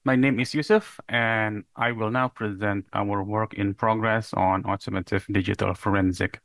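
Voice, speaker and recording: A young man from Indonesia presents his doctoral research in a recorded conference talk. His voice sits on the low side, and he explains step by step, sometimes posing rhetorical questions. The recording is dry and close, with no room sound. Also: fairly even intonation, normal speed, a bit bright, dry recording.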